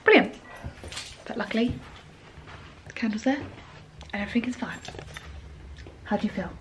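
A woman's voice: mid-range voice, expressive, moderate pace. A young woman, chatting cheerfully to camera in a casual vlog. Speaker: vlogger. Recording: home video with clear background noise.

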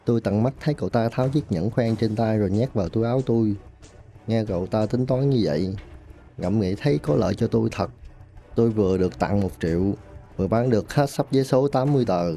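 A man voicing an older lottery seller recounting his story in voice-over, his Southern Vietnamese narration plain and reflective. The voice is low and very mellow, over faint music. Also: fast, close to an everyday voice. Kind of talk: first-person voice-over narration.

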